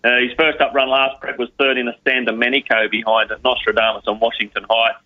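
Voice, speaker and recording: A man's voice: mid-range voice, flat delivery, fairly quick. A man giving horse racing tips on a podcast, in punchy phrases full of numbers and names. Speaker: racing tipster. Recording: slightly muffled, lo-fi audio.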